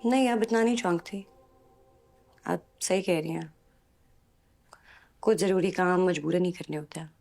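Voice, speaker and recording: A young drama wife who is polite on the surface and defiant underneath. Her voice sits low and has a gravelly fry to it. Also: normal speed, pauses often, a little mellow, soft background music. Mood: quietly defiant. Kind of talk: TV drama acting.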